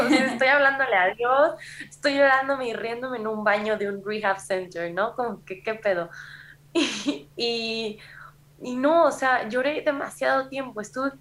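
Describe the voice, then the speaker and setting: A woman's voice: medium pitch, a bit bright. A woman with a Mexican accent, a podcast guest telling a personal story in a candid, confessional way, with frequent fillers. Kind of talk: personal testimony in casual conversation.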